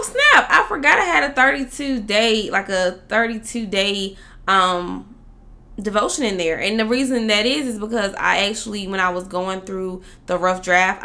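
A cheerful woman hosts her podcast in an upbeat, chatty way. Her voice is bright and forward, with a gravelly edge at the ends of her phrases. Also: mid-range voice. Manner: upbeat, chatty, addresses listeners as y'all. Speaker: podcast host. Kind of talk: casual podcast talk with read ad.

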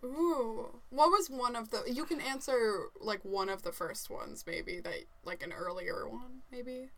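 A woman co-hosting a podcast in casual chat, often halting as she searches for words. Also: on the high side, gravelly. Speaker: podcast co-host.

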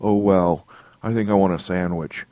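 A man's voice: sits low, steady tone, normal speed, mellow, no room sound, natural voice. A man voicing a male Viking bystander who casually shrugs off a killing. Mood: indifferent. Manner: offhand, shrugging. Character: unbothered male Viking bystander, flat and indifferent.

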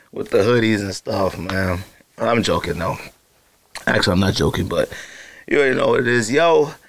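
In a dry, echo-free recording from his home studio, a man in his thirties hosts a solo sneaker podcast. His mid-range voice is creaky and slightly bright, and he talks casually to listeners, teasing and hyping them up directly with plenty of fillers.

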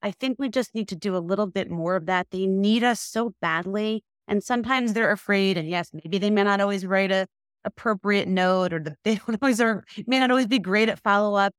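A woman's voice: mid-range voice, normal speed, clean tone, no room sound, studio quality. An American woman career coach talking conversationally as a podcast guest. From United States. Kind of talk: conversational interview talk.

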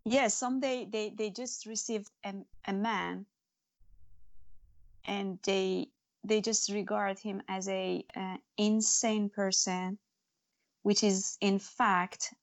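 A woman author whose first language is not English gives earnest spiritual interview talk about faith and her stories, with many fillers and restarts. She speaks slowly, at medium pitch and in a steady tone.

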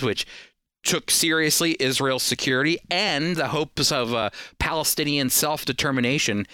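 Here a middle-aged American host offers scripted commentary on faith and politics, earnest and preacherly in his emphasis. The voice sits a little high, pushed and bright, with a clean tone and clean, echo-free studio sound.

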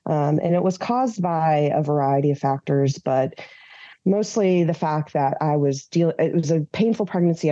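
A woman's voice: sits low, dark tone, no room sound, highs cut off. A woman from Minnesota, a podcast guest, telling her personal story in an open, earnest way with fillers and restarts. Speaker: podcast guest, advocacy founder. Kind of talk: candid personal storytelling in an interview.

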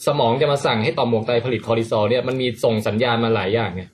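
A man hosting a casual podcast chat, explaining a science story in an animated, playful way. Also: mid-range voice, racing.

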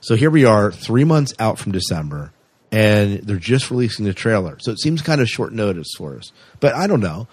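Another male co-host joins the casual sci-fi news chat, staying chatty and enthusiastic and quizzing his partner. He speaks at a moderate pace in a husky, lowish voice with big swings in pitch, recorded without any room sound.

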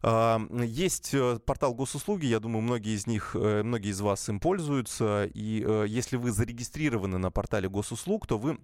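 A man's voice: on the low side, moderate pace, few pauses, darkish tone, dry recording, clean studio sound. A male radio host answering callers' questions, talking through many fillers and restarts. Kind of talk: call-in radio talk.

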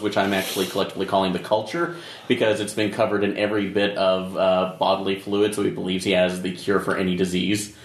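Low-voiced man in an echoey room. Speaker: tabletop game player. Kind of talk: casual character introduction. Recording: roomy echo.

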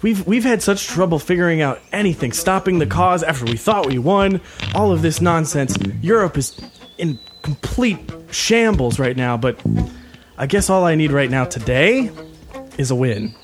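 A man plays a rattled camp counselor who talks in a casual, wry and nervous way, in an improvised comedy scene. The voice sits slightly high. Music runs underneath. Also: animated, normal speed. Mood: anxious. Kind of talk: improvised comedy role-play.

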